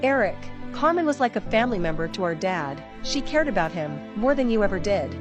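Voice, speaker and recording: A woman's voice: mid-range voice, big pitch swings, a little fast, highs cut off, music in the background, natural voice. A woman playing a caring, principled daughter in a scripted drama, speaking earnestly. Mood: indignant. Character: caring, indignant daughter standing up for the housekeeper.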